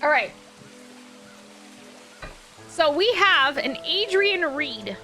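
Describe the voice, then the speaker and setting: A woman streams a horror game with a high-pitched, bright voice. She talks in a chatty, expressive, informal way, as live commentary. Faint music plays behind her. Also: very slow.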